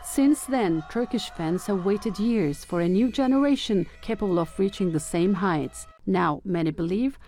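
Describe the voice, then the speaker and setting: Female field reporter, measured. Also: medium pitch, dark tone, faint music behind. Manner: measured broadcast delivery. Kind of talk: news report.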